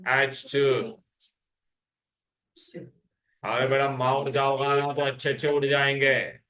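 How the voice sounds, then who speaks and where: A man's voice: mid-range voice, level tone, racing, sharp tone. A man with an Indian accent teaching an interactive chemistry revision class, mixing Hindi into English and prodding students with repeated questions.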